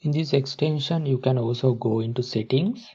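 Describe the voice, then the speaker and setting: A man of medium pitch, his voice carrying a breathy edge, guides viewers through a software tutorial step by step. He speaks in a halting, teaching manner on a dull, muffled mic.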